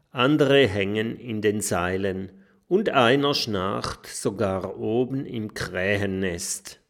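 A man narrating a children's storybook with a lively, expressive reading. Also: lowish voice. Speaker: audiobook narrator.

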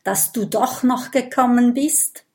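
A woman's voice: a little high, steady tone, measured pace, voice pushed up. A woman voicing an eager young boy dragon in a children's audiobook. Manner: eager, enthusiastic.

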